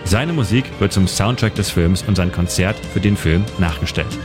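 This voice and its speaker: A man narrates a scripted radio segment with a calm, informative delivery. His voice sits fairly low. A loud music bed runs under every line. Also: moderate pace. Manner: steady, informative storytelling.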